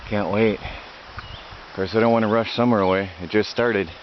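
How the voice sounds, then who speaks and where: A man's voice: fairly low pitch, fairly even intonation, fast talker. A man talking casually as he rambles through a vlog outdoors in the countryside, by a creek. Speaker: vlogger. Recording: dull lo-fi outdoor audio, loud creek and nature noise. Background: running creek water, insects.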